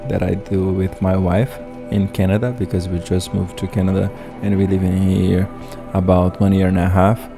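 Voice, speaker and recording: A gameplay host with a very low voice, whose first language is Portuguese, casually comments on a video game in halting, chatty English, now and then restarting sentences. His delivery is flat and creaky, and loud game music plays beneath his voice-over.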